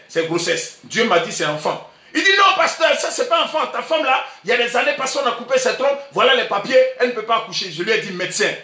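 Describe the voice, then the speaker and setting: A male pastor with an Ivorian French accent, preaching emphatically and repeating himself, sometimes breaking into shouts. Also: high-pitched, distant mic. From Côte d'Ivoire. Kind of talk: sermon. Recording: echoey room, voice from afar.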